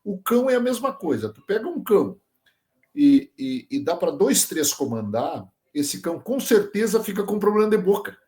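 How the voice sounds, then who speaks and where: A man's voice: high voice, big pitch swings, moderate pace, a little mellow. A man, a guest on a podcast, explaining working dogs with farm examples and checking that the listener follows. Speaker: guest, sheep dog trainer. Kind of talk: casual podcast interview.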